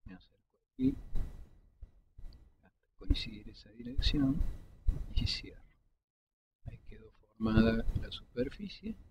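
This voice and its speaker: A man, calmly explaining each step of a 3D modeling tutorial over a screen recording, pausing between clicks. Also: vocal fry. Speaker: 3D modeling instructor. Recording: dull lo-fi desktop mic with faint rumble.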